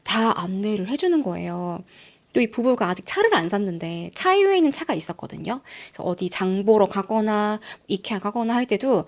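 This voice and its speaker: A woman hosting a storytelling channel, telling a true-crime story in a chatty way and addressing her listeners directly. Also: medium pitch. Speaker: storyteller host.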